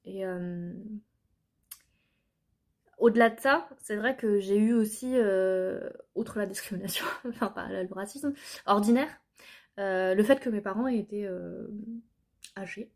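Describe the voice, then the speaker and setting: A woman's voice: mid-range voice, a little slow, pauses often. A young woman from France telling her life story to the camera in an earnest, hesitant way, with many filler sounds and restarts.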